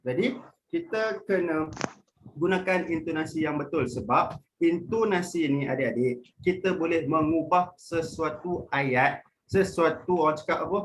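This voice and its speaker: Seorang pria muda dari Malaysia yang melatih pelajar sekolah dalam webinar daring. Ia berbicara dengan lincah dan suka bercanda, lalu naik-turunkan nada untuk memberi contoh intonasi. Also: male voice, normal speed, slight background noise. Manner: lively, playful, switches pitch to demonstrate intonation. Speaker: public speaking trainer. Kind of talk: online workshop for students. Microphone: video call.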